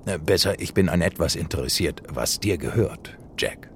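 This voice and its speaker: A man voicing a sinister, mocking male devil in a radio play, speaking slowly in a gravelly, whispery voice. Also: low voice, wildly swooping pitch, slight background noise, exaggerated voice. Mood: menacing. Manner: slow, teasing, then pleading. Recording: music behind voice.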